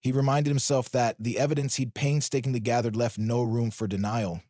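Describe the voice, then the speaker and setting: A man reading a scripted drama story aloud in a steady storytelling manner. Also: medium pitch, fairly quick, no echo, studio quality. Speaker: narrator.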